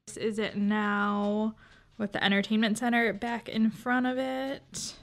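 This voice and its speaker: A woman's voice: medium pitch, flat delivery, measured pace, creaky. A woman in her thirties talking casually to camera as a home decor vlogger, explaining things step by step in an informal, chatty way. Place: furnished living room at home, indoors.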